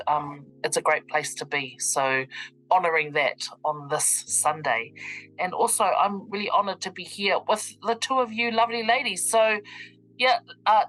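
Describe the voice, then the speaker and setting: A woman hosts a casual live discussion. Her voice sits at a middle pitch, with faint music underneath. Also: a bit bright, rough recording. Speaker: host.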